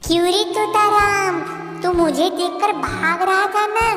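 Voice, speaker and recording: Woman voicing a ghost bird spirit, sing-song, menacing, drawn-out, cartoon. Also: very high voice, steady tone, echoey room, big-room sound, over music.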